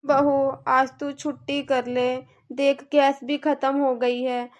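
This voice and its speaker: A woman's voice: high-pitched, level tone, slow. A woman voicing a bossy, complaining middle-aged mother-in-law in a cartoon, nagging and scolding.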